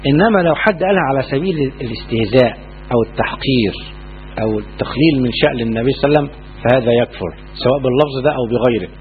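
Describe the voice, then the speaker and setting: A man with an Egyptian Arabic accent, a sheikh giving a religious lesson and answering questions in a colloquial, emphatic way, often checking that listeners follow. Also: mid-range voice. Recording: tinny phone-like lo-fi audio with faint hiss.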